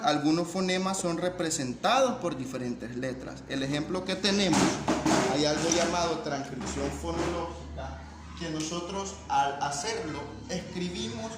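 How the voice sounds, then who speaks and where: A man teaching a language lesson, explaining patiently and checking in with his students. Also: on the high side. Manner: patient, repeats points and asks ¿verdad?. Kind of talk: classroom lesson explaining phonetics. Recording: echoey room with faint noise.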